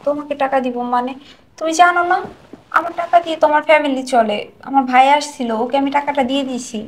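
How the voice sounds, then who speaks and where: A woman's voice: sits high, fast, lightly acted. A woman playing an indignant young working wife protesting to her husband. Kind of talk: amateur short-film acting.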